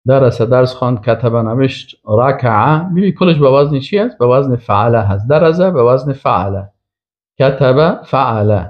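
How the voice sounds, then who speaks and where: A male professor giving a classroom grammar lecture. He speaks, asks himself questions aloud and drawls out the example words. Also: medium pitch. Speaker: professor teaching Arabic grammar. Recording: dull lo-fi recording.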